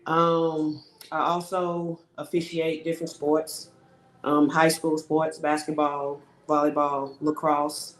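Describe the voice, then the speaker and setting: A woman in her forties introducing herself on a talk stream, relaxed and hesitant with many pauses. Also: low voice, roomy sound, poor audio. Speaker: guest. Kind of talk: casual chat.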